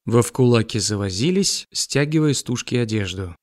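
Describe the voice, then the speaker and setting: A man narrating a comic fantasy audiobook in a wry, lively way. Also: medium pitch, normal speed, no echo, clean studio sound.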